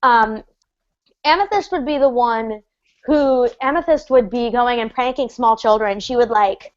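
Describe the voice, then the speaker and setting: A woman's voice: a little high, unhurried, lo-fi sound. A young woman hosting a casual livestream chat, bubbly and rambling, with plenty of fillers. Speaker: host.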